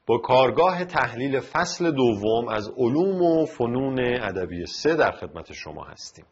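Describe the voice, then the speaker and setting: A man's voice: mid-range voice, very animated, slightly rough, dull audio. A male teacher with an Iranian Persian accent gives a recorded lesson, breaking lines of verse into syllables one at a time. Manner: spells out words syllable by syllable. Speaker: literature teacher. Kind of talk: recorded lesson explaining poetic meter.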